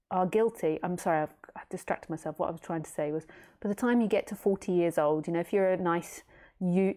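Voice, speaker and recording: Her voice is lowish and mellow: a late-thirties spiritual teacher drifting through a relaxed philosophical talk, breaking in with playful asides.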